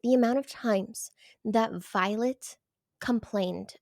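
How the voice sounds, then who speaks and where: A woman talking casually as a book reviewer, animated and emphatic, sometimes dropping into a whisper. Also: a little high, takes it slowly, creaky, no room sound, clean studio sound. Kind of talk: casual chat.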